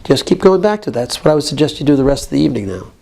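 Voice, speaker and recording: A man's voice: fairly high pitch, very animated, rapid-fire, vocal fry, dark tone. A man leading a support group, guiding members directively and checking often that they follow. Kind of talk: therapeutic coaching.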